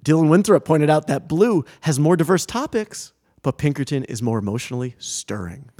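A man co-hosts a relaxed music podcast and laughs easily between points. His voice sits a little high and moves animatedly up and down. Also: normal speed, slightly rough. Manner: jokey, laughs often, animated. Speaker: podcast co-host. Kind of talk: casual podcast chat.

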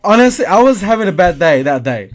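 A man's voice: high-pitched, fast talker. A young man telling stories in casual chat, swearing freely. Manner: animated storyteller, swears freely. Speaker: podcast guest.

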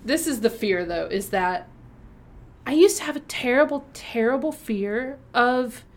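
A woman's voice: on the high side, animated, a little slow. A woman co-hosting a podcast in casual, playful, rambling chat. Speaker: podcast co-host.

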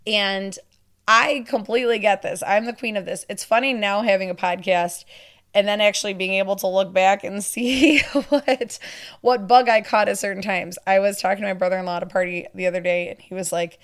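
Woman, 30s, podcast host; conversational Q&A, mid-range voice, chatty and self-deprecating. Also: mid-range voice. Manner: chatty, self-deprecating, frequent "you know" asides. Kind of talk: casual podcast Q&A.

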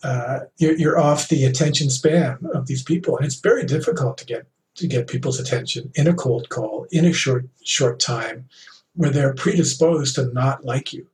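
A male podcast host speaking in a measured, reflective way, leaning on fillers as he thinks aloud. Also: mid-range voice, far from the mic. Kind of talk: podcast interview.

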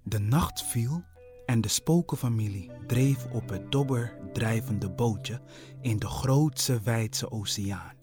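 A man's voice: mid-range voice, a little mellow, faint music behind. A man telling a children's ghost story in a playful, storybook narration style. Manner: slow, playful, wordplay-heavy.

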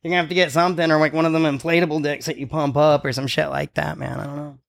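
A podcast host in his forties talks very fast in a fairly high, level voice with vocal fry. In a casual podcast chat, he rambles through crude, profane comedy stories.

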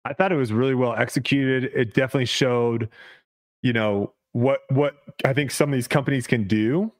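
A man hosting a podcast, reading a sponsor ad and then chatting loosely, repeating words as he goes. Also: medium pitch. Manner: rambling, repeats words, laughs easily. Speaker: podcast host. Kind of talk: casual podcast chat with ad read.

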